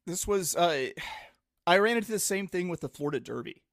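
A man's voice: high-pitched, lively intonation, normal speed, a bit bright, no room sound. Rambling male podcast host, dry sound. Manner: rambling, thinks aloud with many restarts. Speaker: podcast host and horse racing handicapper. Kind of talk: casual podcast chat.

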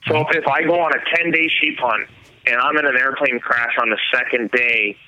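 A man's voice: mid-range voice, fairly even intonation, normal speed, sharp tone, no room sound, low-quality recording. A man who makes hunting films, explaining his process in a casual interview, rambling with fillers and restarts. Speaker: hunting filmmaker guest.

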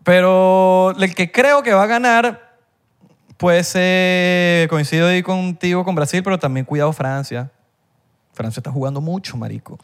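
A man's voice: high-pitched, moderate pace, clean tone. A man co-hosting a podcast, talking bluntly with heavy slang and swearing. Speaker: podcast co-host. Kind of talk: casual chat.

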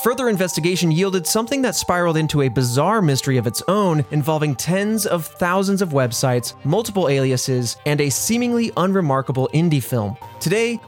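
A man hosting a podcast, explaining a story in a casual, conversational way. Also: on the high side. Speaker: podcast host.

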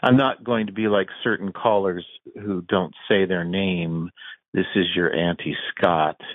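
A man's voice: low voice, fairly even intonation, a little slow, no echo. A man leaving a wry, teasing voicemail for a show, heard played back over a phone line. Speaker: caller. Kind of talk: voicemail message.

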